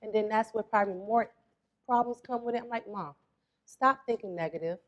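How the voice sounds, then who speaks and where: A young adult woman from Florida, a spa owner, chatting as an interview guest in a relaxed, storytelling way. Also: medium pitch, brisk, lo-fi sound. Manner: relaxed storytelling, quotes her mother. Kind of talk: casual interview talk.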